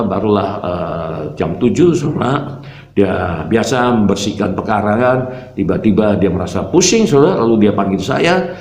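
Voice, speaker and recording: A man's voice: on the low side, a little mellow. A man, a pastor, telling his personal faith testimony in an earnest storytelling way, calling his listeners "brother" after nearly every phrase. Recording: roomy echo.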